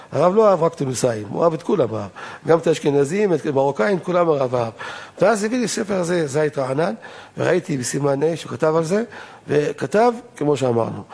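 A man's voice: on the high side, darkish tone. An older man, a rabbi, giving a Torah law lesson in an emphatic lecturing manner, asking rhetorical questions and raising his voice on key points.

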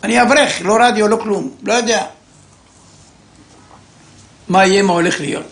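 An older man telling a funny story from his own life, animated and acting out the voices of the people in it. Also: sits high, gravelly. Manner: animated, acts out voices, chuckles. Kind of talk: comic personal storytelling. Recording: roomy echo.

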